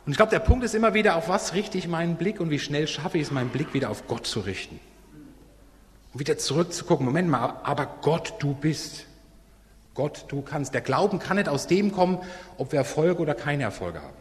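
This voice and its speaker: A man preaches with a lively, swinging pitch that rises and falls as he retells the story. He slips into casual voices for quoted lines. His voice rings with a long reverb from a church hall. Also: brisk.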